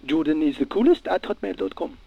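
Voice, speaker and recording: Man, heard over a phone line, high and bouncy voice, faint hiss. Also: lively intonation, a little fast, creaky. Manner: hesitant, fake-out voicemail greeting. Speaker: caller on a podcast.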